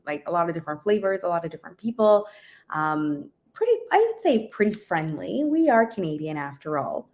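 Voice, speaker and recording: A woman from Jamaica, a guest DJ, chatting casually in an interview, relaxed and laughing often, trailing off with ums. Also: lowish voice.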